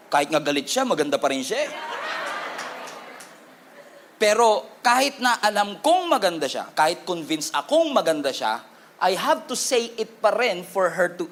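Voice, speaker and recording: High-voiced, animated Filipino preacher. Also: male voice, a little hiss or hum. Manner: animated, humorous preaching with Taglish code-switching; calls out for congregation responses. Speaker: pastor. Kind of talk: sermon.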